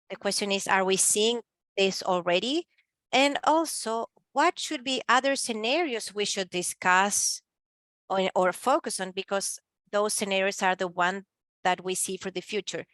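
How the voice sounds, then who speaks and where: A woman interpreting a panel discussion live, pacing her words out slowly and with care. She hesitates often and fills the gaps with small sounds. Her voice sits at an ordinary pitch and reaches the mic dry and close, with no room around it. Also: a bit bright, no echo. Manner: halting, with pauses and filler sounds.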